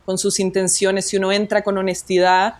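In a monotone at a moderate pace, a Colombian guest photographer reflects on her story during a conversational interview. Her pitch is medium, and she keeps restarting her sentences.

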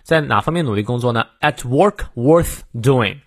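Male language teacher, mid-pitched, coaching pronunciation patiently, dry close recording. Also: expressive, normal speed, no room sound. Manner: explanatory, adds soft particles like "ah" and "ha". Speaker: English teacher. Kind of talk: morning reading lesson.

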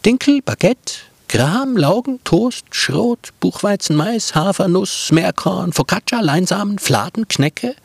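A man's voice: sits high, expressive, a little slow, creaky, few pauses, breathy edge, no room sound, pitched above the performer's own voice, full character voice. A man voicing a cheerful, naive young girl with an eager, chirpy manner.

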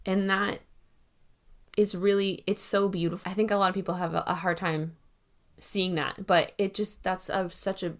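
A woman's voice: mid-range voice, level tone, moderate pace. A woman hosting a podcast, thoughtful and enthusiastic, often restarting her sentences. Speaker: podcast host. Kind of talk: casual podcast chat.

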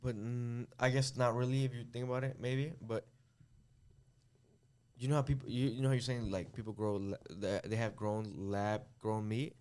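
Young man, mid-pitched voice, hesitant, repetitive, rambling casual conversation. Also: fairly even intonation, normal speed, a little mellow, clear, resonant tone. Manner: hesitant, rambling, repeats himself. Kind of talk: casual group chat.

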